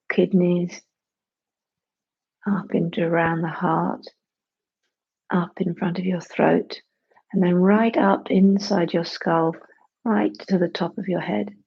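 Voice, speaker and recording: A meditation and breathwork teacher giving hushed, unhurried guided instruction with long pauses, in a creaky, breathy voice. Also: medium pitch, muffled recording.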